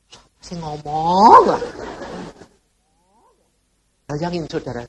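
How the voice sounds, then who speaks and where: A man's voice: on the high side, a little hiss or hum. A man preaching a sermon, telling stories and asking the congregation rhetorical questions. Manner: animated storytelling with wide swings between loud and soft. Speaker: evangelist preacher. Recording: old cassette recording of a sermon.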